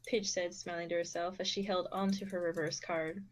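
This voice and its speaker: A young woman narrating an amateur fan fiction reading with steady, expressive delivery. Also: lowish voice, fairly quick. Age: young adult.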